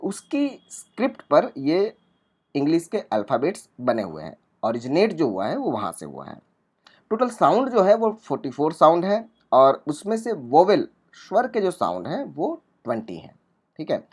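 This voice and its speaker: A man's voice: fairly high pitch, huge pitch swings, moderate pace, a little mellow, husky. A man teaching spoken English, explaining step by step and repeating each sound and example word while reading from notes on a laptop.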